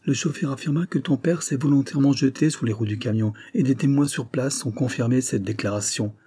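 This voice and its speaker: A man reading a grim young husband who breaks terrible news in a quiet, subdued way. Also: mid-range voice, fairly quick, husky, close to an everyday voice.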